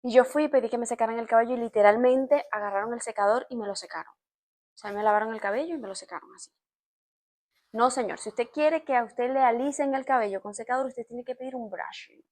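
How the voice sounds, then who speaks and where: Venezuelan woman vlogging, chatty and expressive, slightly high voice. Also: fast. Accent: Venezuelan Spanish. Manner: chatty and expressive, explaining with laughs. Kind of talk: casual storytime chat to camera.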